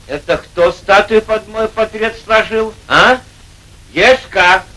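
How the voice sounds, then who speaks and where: A man's voice: high-pitched, takes it slowly, bright, forceful tone, heavily acted. An older man playing a grumbling, indignant caretaker grandfather who scolds and questions, in vintage film acting. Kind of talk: 1930s-40s Soviet film acting. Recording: noisy, crackly old film soundtrack.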